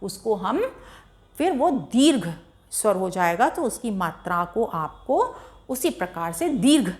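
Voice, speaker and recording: A woman teaching a grammar lesson at an unhurried pace, drawing out vowel sounds one by one to show their length. Her voice sits at a middle pitch. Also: big pitch swings. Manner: slow, drawn-out vowel demonstrations. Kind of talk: classroom lesson explaining pronunciation.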